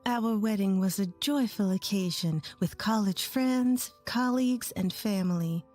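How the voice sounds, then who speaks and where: Young woman narrating a story, mid-pitched voice, even earnest delivery, faint music beneath. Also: measured pace. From rural Texas, USA. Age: 20s. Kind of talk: scripted first-person story narration.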